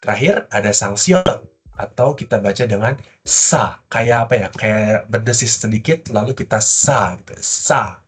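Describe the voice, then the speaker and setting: A man with a fairly low, husky voice leads a pronunciation lesson. He talks casually and patiently, slowing down to model each sound for learners to repeat. Faint music plays underneath. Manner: patient, demonstrates sounds slowly, casual fillers. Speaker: Korean language teacher. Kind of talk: online language lesson.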